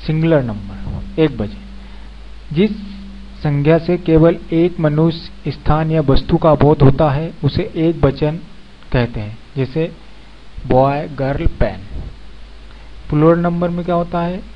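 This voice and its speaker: Male teacher, fairly high voice, slow and careful delivery, dull lo-fi recording with faint hiss. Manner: explains step by step, repeating example words. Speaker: English teacher. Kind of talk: slow spoken grammar lesson.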